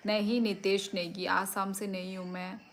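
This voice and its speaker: Middle-aged woman, unhurried livestream chat, phone mic at home. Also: mid-range voice, little pitch movement, noisy background. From Tripura, India. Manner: slow, easygoing, answers viewers one by one. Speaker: livestream host. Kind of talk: casual live chat reading comments. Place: home at night.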